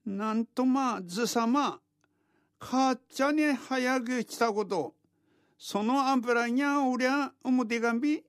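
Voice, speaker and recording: A man's voice: extremely high pitch, takes it slowly, no echo, clean studio sound, pitched above the performer's own voice, full character voice. A man voicing a sly, greedy trickster fox in an oral folktale, muttering and coaxing in a thick rural Tohoku Japanese dialect. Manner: scheming, self-indulgent muttering and coaxing.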